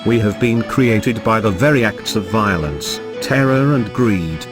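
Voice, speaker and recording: A man with an altered, disguised voice reading a solemn scripted manifesto as an anonymous spokesman. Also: fairly low pitch. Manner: solemn, measured declarations. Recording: over loud background music. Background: music.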